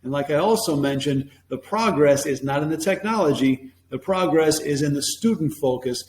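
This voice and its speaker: A male teacher and presentation coach gives an emphatic, opinionated lesson to camera from a classroom, now and then acting out classroom phrases in a bright higher voice. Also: lively intonation, normal speed. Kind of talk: instructional talk to camera. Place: classroom with a whiteboard. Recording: echoey room with faint hum.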